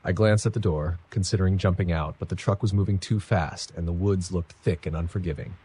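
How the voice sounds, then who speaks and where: A man reading a first-person horror story in a measured, somber scripted narration. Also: low-pitched, fairly even intonation, warm tone, husky.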